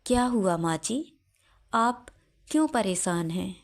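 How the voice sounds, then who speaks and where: A woman voicing a gentle, worried young daughter-in-law who pleads politely. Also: mid-range voice, takes it slowly. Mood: pleading.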